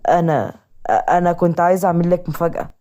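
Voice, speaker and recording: An insistent, flustered young husband, as a woman reads him with an Egyptian accent. The voice is low-set and quick. Plain storybook delivery. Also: mellow, lightly acted. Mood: tense.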